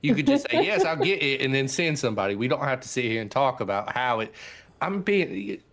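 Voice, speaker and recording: A man playing his character in a tabletop game, pressing and impatient as he talks. His voice sits at an ordinary middle pitch for a man. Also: wildly swooping pitch, brisk, fairly bright tone. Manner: impatient, pushy, breaks into laughter. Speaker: player. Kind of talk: in-character tabletop role-play.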